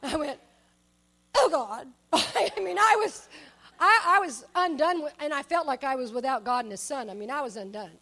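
A middle-aged woman delivers a sermon in a high, bright voice. She tells stories with animated energy, jumping from loud exclamations to quiet asides. She laughs often as she preaches. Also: brisk.

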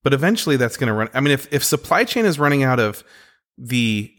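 A man co-hosting a podcast in casual chat, animated and acting out quotes. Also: mid-range voice, fast talker. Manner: animated, acts out quotes in his own voice. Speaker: podcast co-host.

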